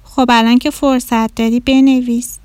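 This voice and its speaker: A woman's voice: on the high side, level tone, a little mellow, clear, resonant tone, dry recording, natural voice. A woman voicing a blunt, clever young mouse inventor in a children's storybook. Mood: offhand. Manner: blunt, offhand. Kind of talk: storybook narration.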